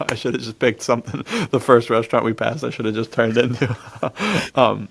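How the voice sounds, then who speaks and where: An American podcast host with a mid-range, breathy voice and some vocal fry talks at a moderate pace. He chats casually about films and tells anecdotes, chuckling often and using slangy, informal language with plenty of "dude."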